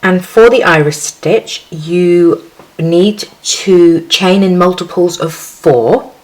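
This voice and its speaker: A woman's voice: fairly low pitch, takes it slowly, poor audio. A woman hosting a casual crochet tutorial, chatty and giggly, counting stitches aloud as she works.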